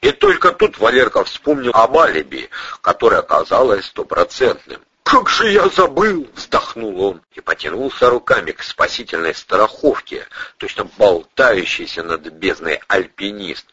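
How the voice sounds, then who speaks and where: A man narrating an audiobook, telling the story in a lively way. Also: lowish voice, normal speed, slightly rough, no echo. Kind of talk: scripted narration. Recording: dull dry lo-fi audio.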